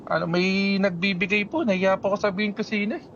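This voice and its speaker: A man with a fairly high voice speaks in a game role-play. He is polite and deferential. His voice chat line carries clear background noise. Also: steady tone, fast, muffled recording. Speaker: role-play player addressed as Doc.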